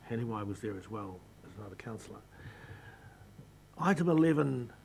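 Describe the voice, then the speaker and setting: A man speaks at a council meeting with a lively, rising and falling pitch. He is firm and objecting, with faint room ambience underneath. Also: slight background noise, low-quality recording. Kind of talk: meeting statement. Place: council chamber.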